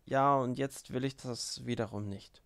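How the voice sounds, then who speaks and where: A stormy, passionate young woman from a classic novel, spoken by a male reader with a gravelly voice who barely shifts it. she broods and taunts by turns, in a measured audiobook delivery. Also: mid-range voice, fairly even intonation, a bit bright.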